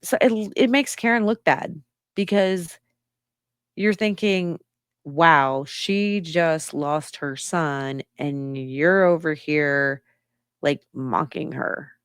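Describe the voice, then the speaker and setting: Woman, commentator, opinionated, reasons step by step, smooth clear voice, dry close sound. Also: low voice, takes it slowly, no echo. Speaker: true-crime commentator. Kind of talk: casual spoken commentary.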